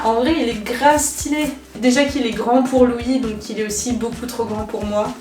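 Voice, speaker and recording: A woman's voice: on the high side, a little mellow. A young woman vlogger chatting casually and informally, showing clothes to the camera with slang and fillers.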